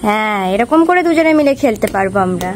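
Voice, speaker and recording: A woman from West Bengal, hoarse with a cold, chatting to her vlog audience and gently coaxing her small daughter at home. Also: medium pitch, expressive, quick pace, a little hiss or hum. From West Bengal, India. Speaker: vlogger mother. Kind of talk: casual home vlog talk to camera and child.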